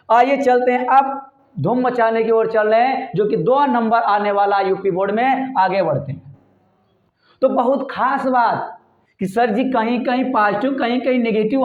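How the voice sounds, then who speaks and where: Male chemistry teacher, high voice, quizzing his own class, echoey room on a tinny mic. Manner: quizzing, asks questions and answers them himself. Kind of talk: classroom lecture.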